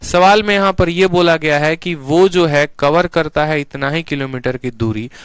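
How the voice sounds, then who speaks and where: A man's voice: on the high side, moderate pace, clean tone, no room sound. A man teaching an exam-prep maths lesson online, explaining step by step and putting questions to his students before answering them himself.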